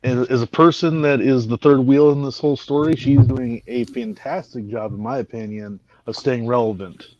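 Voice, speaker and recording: Man, podcast co-host, rambling casual talk, mid pitch, muffled dry recording. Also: steady tone, normal speed, few pauses, darkish tone. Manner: rambling, trails off, drops his voice. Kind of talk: casual wrestling chat.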